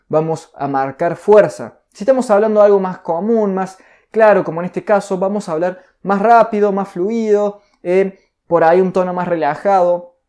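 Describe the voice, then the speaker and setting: A man teaching a recorded online course on communication. He speaks deliberately, speeding up, slowing down and raising and lowering his pitch to demonstrate his points. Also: a little mellow.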